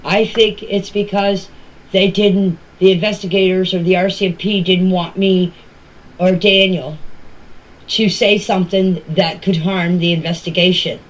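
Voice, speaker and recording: An older woman with a fairly low, level voice speaks unhurriedly in informal voice messages to a group chat. She talks earnestly and emphatically, often repeating herself, in noisy clips recorded on a phone.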